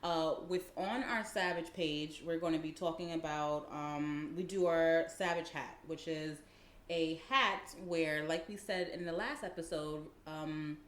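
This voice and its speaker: Woman co-host, low voice, blunt and cussing, echoey room w/ faint noise. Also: measured pace. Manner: blunt, profane, laughs often. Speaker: podcast co-host. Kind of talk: casual chat.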